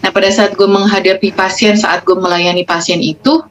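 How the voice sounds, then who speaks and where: A woman, guest on a casual podcast, telling stories with animated, emotional delivery and acted-out quotes. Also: medium pitch, fairly quick. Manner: animated, emotional, quoting patients in dialogue. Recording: dull lo-fi sound.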